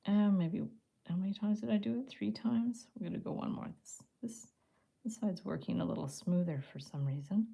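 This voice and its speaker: Here a woman from Canada, gravelly and medium-pitched, works through a craft tutorial live at a moderate pace. She chats and thinks aloud, though her words fade to a murmur or whisper while she concentrates on her hands.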